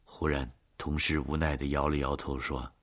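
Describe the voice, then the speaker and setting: A man narrating a mystery story in a steady, even storyteller delivery. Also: very deep voice, normal speed.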